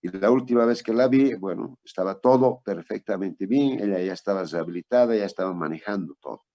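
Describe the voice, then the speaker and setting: A man's voice: on the low side, brisk, warm tone. A man lecturing on traumatology, telling a patient case in a conversational way and asking for the next slide.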